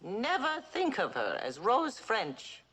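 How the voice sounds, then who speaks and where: A woman's voice: fairly high pitch, huge pitch swings, slow, fairly bright tone, husky, exaggerated voice. An actress playing an imperious, ailing older woman who scorns her son, in a 1960s television drama. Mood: insistent. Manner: commanding, cutting, theatrical.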